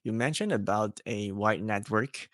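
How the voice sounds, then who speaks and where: A man's voice: fairly low pitch, fairly bright tone, dry recording. Taiwanese man hosting, close and dry. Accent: Taiwanese Mandarin. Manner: measured, careful questions in English. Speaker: podcast host. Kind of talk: scripted intro, then interview questions.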